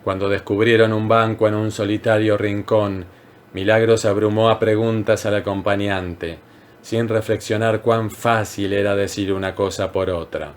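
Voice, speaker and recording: A man narrating a classic short story as an audiobook, reading in a measured, unhurried way with frequent pauses. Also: lowish voice, level tone. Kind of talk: scripted literary narration.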